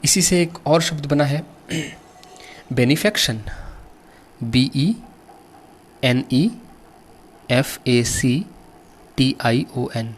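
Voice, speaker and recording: Patient and steady, this Indian-accented male English teacher takes his vocabulary lesson slowly, spelling words out one letter at a time and repeatedly questioning his students. His voice is mid-range, with slight background noise.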